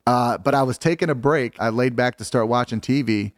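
A man in the middle range of pitch recounts his story in a loose, candid way, full of fillers and casual swearing. His voice sounds close and dry, with no room echo. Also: brisk. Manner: candid, profane, lots of fillers. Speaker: interview guest.

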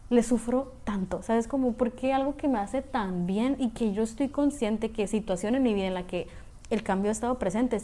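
A woman's voice: a little high, warm tone. A woman with a Mexican accent hosting a podcast, talking through an unplanned, slang-filled rant monologue with many fillers and repetitions. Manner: casual, slangy, repeats herself, many fillers. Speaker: podcast host. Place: home garage.

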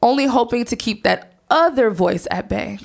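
An actress narrating a stage play as a gentle female storyteller, speaking in a measured, wistful way. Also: on the high side, animated, creaky. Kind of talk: theatrical poetic narration.

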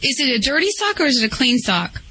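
A woman's voice: high-pitched, big pitch swings, fast, pushed and bright, slightly rough. A woman veterinarian giving casual advice on a radio call-in show.

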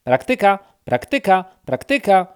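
A proud little woodpecker who chirps his words in quick repeated bursts, pitched high and loud, as a man reading a storybook puts him on. He sounds sure of himself and busy. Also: sing-song, smooth. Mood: cheerful.

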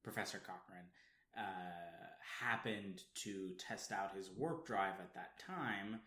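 A man's voice: sits low, slow pace, sharp tone. A man co-hosting a casual chat, explaining at length with plenty of ums and restarts. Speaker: podcast co-host. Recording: roomy echo.

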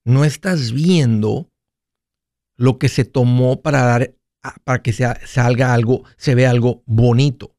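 A man's voice: medium pitch, fairly even intonation, unhurried, mellow, no echo, clean studio sound. A man hosting a casual monologue, playful and jokey, often restarting mid-phrase. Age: 40s. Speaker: radio finance host.

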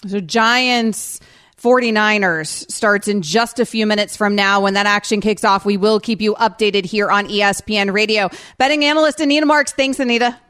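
A woman hosting a sports talk radio show, upbeat and quick to laugh as she reads teases and plugs. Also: mid-range voice, fairly bright tone, clear, resonant tone. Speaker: radio host.

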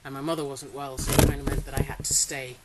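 A woman's voice: rumbling low, flat delivery, quick pace. A middle-aged woman who grew up in Singapore, talking casually about her farm in an interview with frequent fillers and laughter. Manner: chatty, laughs often, hesitant with fillers. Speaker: interviewee, farmer. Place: polytunnel on a farm. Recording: faint hiss, rain on tunnel.

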